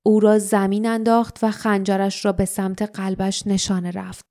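A woman reads a fantasy audiobook in a steady, dramatic way. Her voice is mellow and dark, and it sits at a middle pitch. The recording is dry and close. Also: dry recording. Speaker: audiobook narrator. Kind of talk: scripted audiobook narration.

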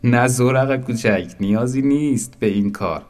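A man voicing a gentle old bridge in a storybook, speaking slowly and sorrowfully. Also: medium pitch, close to an everyday voice. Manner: slow, sorrowful, patient. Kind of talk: storybook narration.

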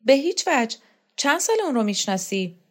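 A woman's voice: a little high, big pitch swings, pitched above the performer's own voice. A woman reader voicing a commanding woman official who questions people in a cool, mocking way. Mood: probing.

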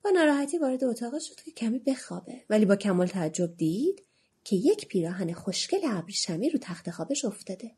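A woman narrating a children's storybook in an expressive, animated way, with a husky voice. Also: mid-range voice.

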